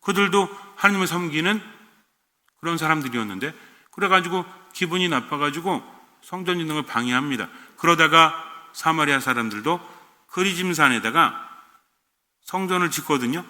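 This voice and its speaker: Korean priest with a bright, ringing voice. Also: male voice, on the high side, lively intonation, moderate pace, big-room sound. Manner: conversational, asks the congregation questions; switches to blunt casual speech for emphasis. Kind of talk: homily.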